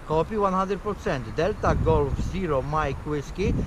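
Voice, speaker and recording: Out on open moorland, a man runs an amateur radio station, reading call signs in the phonetic alphabet with clipped procedural phrasing. His voice is fairly high and expressive, at a measured pace. Loud wind noise runs through the recording.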